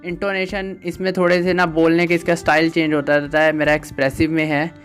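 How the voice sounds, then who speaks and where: A man giving a patient, step-by-step tutorial on phone settings, pausing with "ah" as he explains each option. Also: a little high, level tone, a bit bright, soft background music. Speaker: tech tutor.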